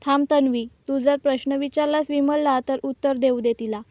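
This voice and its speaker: A woman reading a blunt, angry young husband in a serial recap, her voice high and level. He sounds stern and direct, recorded dry and close. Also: fairly even intonation, moderate pace, dry recording, muffled recording, natural voice. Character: angry young husband defending his wife.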